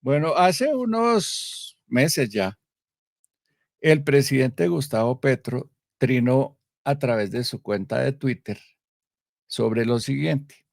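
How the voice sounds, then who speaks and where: A man from Colombia hosting a live political commentary show, speaking emphatically with many pauses and self-corrections. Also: medium pitch, expressive, vocal fry, no echo, studio quality. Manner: emphatic, stresses key words, frequent pauses and self-corrections.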